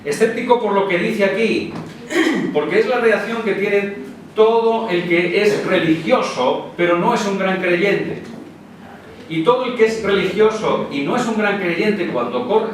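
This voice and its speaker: A man with a Spanish accent preaches to his congregation, his voice sitting high and swinging widely as he retells the story. The church hall rings with a heavy echo, and he sounds a fair way off from the microphone. Faint room noise hangs underneath. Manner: lively, conversational storytelling with acted quotes. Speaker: pastor. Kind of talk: sermon. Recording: very echoey hall, preacher far from mic.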